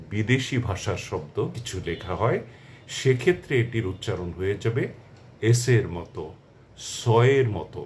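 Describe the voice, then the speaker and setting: A man with a fairly low voice gives a pronunciation lesson at a slow, deliberate pace. He sets out each example word with clear emphasis. A faint hiss of background noise sits under his voice. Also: a little mellow. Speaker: language teacher.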